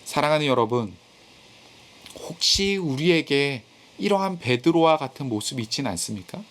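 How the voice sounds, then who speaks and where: A man's voice: a little high, animated, moderate pace, a bit bright. A man preaching a sermon to a youth group over a live video call, earnest and growing emphatic at points. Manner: earnest, rising to emphatic when voicing scripture and rebuke.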